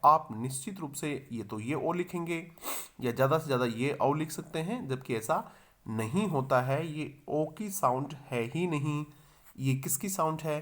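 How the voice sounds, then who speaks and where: Man, pronunciation teacher, mid-pitched voice, spells words letter by letter, drawn-out sounds, asks and answers his own questions. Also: fairly bright tone. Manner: asks the viewer questions, then answers them. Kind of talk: explanatory video lesson.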